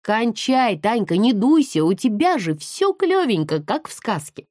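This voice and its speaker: A woman's voice: on the high side, very animated, unhurried, darkish tone, no room sound, clean studio sound. A woman doing a brash, gossipy young student girl. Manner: blunt, chatty, slangy, teasing. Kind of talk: audiobook character voice.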